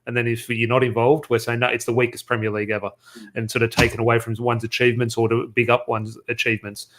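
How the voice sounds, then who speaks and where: Fast-talking Englishman chatting football. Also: mid-range voice, level tone, noisy background. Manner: rambling, stumbles and restarts often. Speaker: podcast co-host. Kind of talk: casual football podcast chat.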